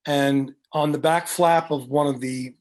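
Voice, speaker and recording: A man's voice: fairly high pitch, steady tone, measured pace, a little mellow. A middle-aged man telling long rambling anecdotes with many fillers and restarts, as a guest on a video podcast. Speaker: guest, music director. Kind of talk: storytelling in a video podcast interview. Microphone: video call.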